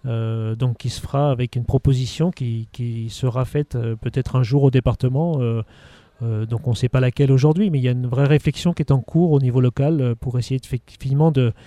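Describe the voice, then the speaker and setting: Hesitant man with a dark, dry voice. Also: medium pitch, fairly even intonation, fairly quick, no echo. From Haute-Savoie, France. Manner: hesitant, many restarts and fillers. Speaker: local government official managing outdoor sites. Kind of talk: interview answers.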